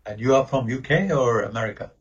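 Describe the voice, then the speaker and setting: A man's voice: medium pitch, quick pace, breathy edge. A man from Tanzania, a professor chatting in friendly short replies on a video call. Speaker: professor and panelist. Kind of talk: casual video-call chat. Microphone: computer mic on a video call. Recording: dull lo-fi video-call audio.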